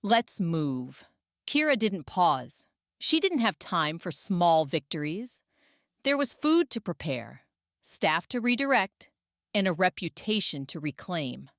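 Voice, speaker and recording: Female story narrator, low-set and lively, dry close recording. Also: measured pace, dry recording.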